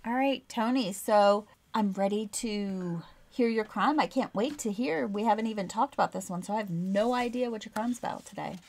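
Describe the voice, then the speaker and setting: A woman in her fifties co-hosting a podcast, telling stories in animated casual chat and acting out quotes. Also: normal speed, few pauses, slight background noise. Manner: animated storytelling, acts out quotes with sharp pitch jumps. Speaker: podcast co-host.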